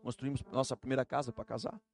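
A man preaching a sermon with a Brazilian Portuguese accent, swinging from soft musing to shouted fervor. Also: mid-range voice, steady tone, fast, gravelly. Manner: colloquial, storytelling with acted prayers. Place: church.

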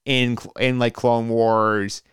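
A young man hosting a podcast, chatting casually and steering the conversation with quick, upbeat remarks. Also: medium pitch, flat delivery, fairly bright tone, smooth, no echo, clean studio sound. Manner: quick, upbeat, wrapping up segments. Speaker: podcast host.

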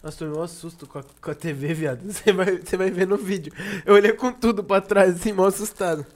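A man co-hosting a casual chat, excitable and slangy, laughing a lot. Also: high-pitched, fast. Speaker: podcast co-host.

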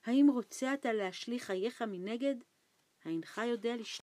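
A woman reading an audiobook, voicing a frightened, starving old man who talks in anxious, hushed pleas. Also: no echo, natural voice. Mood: fearful. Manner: anxious hushed pleading, raised pitch. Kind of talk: audiobook character voice.

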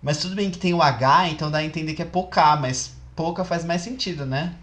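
A man's voice: a little high, brisk, a bit bright. A man chatting casually as a podcast co-host. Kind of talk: casual music chat.

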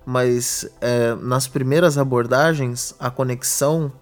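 A man's voice: medium pitch, fairly even intonation, takes it slowly. A man with a Brazilian Portuguese accent, co-hosting a podcast and patiently explaining ideas with everyday examples. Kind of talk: casual explanatory chat.

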